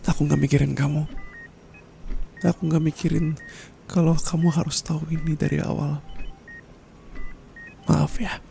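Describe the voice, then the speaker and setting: A young man voicing a dying husband in a whispered role-play, speaking softly and apologetically to his wife, close to the mic. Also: fairly high pitch, flat delivery, measured pace, creaky, pauses often, faint music behind. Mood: consoling. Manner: soft, tender, apologetic murmuring.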